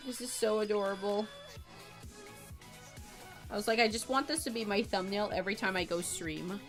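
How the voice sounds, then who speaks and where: While she draws on a livestream, a woman chats with viewers, bubbly and rambling, giggling and often repeating herself. Her medium-pitched voice keeps a moderate pace, with faint music behind.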